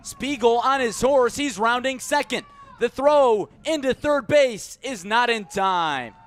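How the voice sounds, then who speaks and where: A slightly bright-voiced American man calls live radio baseball with lively intonation. He's measured in the gaps between pitches, then his voice climbs on the big plays.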